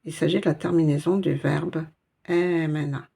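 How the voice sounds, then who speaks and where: A woman's voice: lowish voice, a little slow, creaky, dark tone, slightly rough. A woman teaching a step-by-step Arabic reading lesson in French, patient and explaining each letter and sound.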